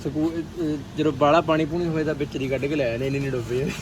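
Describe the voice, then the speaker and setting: Fast-talking man, noisy outdoors. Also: fairly high pitch, flat delivery. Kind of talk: casual chat. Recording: noisy outdoor recording with vehicles.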